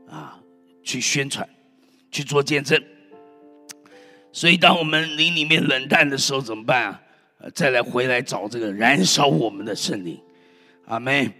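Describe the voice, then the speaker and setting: A male preacher delivers a fervent, emphatic sermon, exclaiming and calling out to his congregation in a slightly high, gravelly, bright voice that is forceful with a breathy edge. The hall is reverberant, with faint music.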